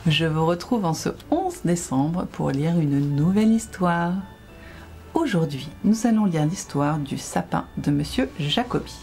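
Lively French woman reading a children's story. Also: low voice, measured pace, faint music behind. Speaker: librarian reading stories.

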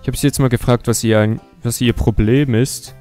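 A man's voice: medium pitch, steady tone, fairly quick, a little mellow, faint music behind. A young man hosting a comedy video, mocking and sarcastic as he comments, often laughing. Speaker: YouTuber host.

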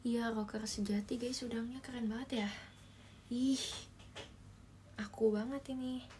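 Her voice sits fairly high, with a steady tone, a dark quality, and a slightly slow pace. She's a young idol livestream host chatting from her small bedroom, reading viewers' comments and giggling a lot. A phone held close for selfie framing picks her up, along with a faint hiss or hum.

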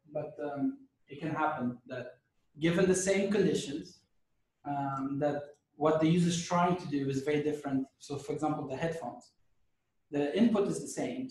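A hoarse man teaches a university class in a casual, conversational way, often pausing to ask if his students follow. His voice sits a bit high for a man. He sounds well back from the mic, in a very echoey lecture room. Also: darkish tone, far from the mic. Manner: conversational, checks in with "okay?". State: losing his voice, clearing his throat.

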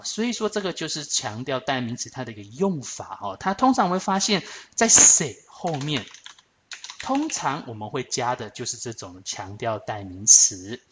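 A man teaching a French grammar lesson, explaining patiently and checking in with his students as he slows down to spell out each form. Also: a little high. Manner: patient, explanatory, addresses students directly with frequent check-ins.

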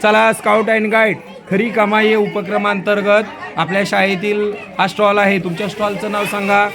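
A male school teacher touring an outdoor school market, briskly coaxing children with quick prompts. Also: sits high, flat delivery. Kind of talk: walking tour of a school market stall by stall. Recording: noisy crowd of children outdoors.

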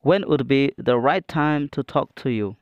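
A male teacher reads a scripted English lesson slowly, setting out each example phrase deliberately. His medium-pitched voice is clean and smooth, captured close and dry, though the audio sounds dull.

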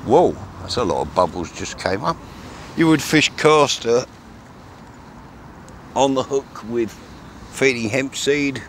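A man's voice: mid-range voice, animated, takes it slowly, long pauses, slight background noise. A man, talking casually to camera while fishing from a riverbank, rambling with fillers and restarts. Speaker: fishing vlogger. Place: outdoors on a grassy riverbank by calm water. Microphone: camera mic from a few metres away, speaker often turned aside.

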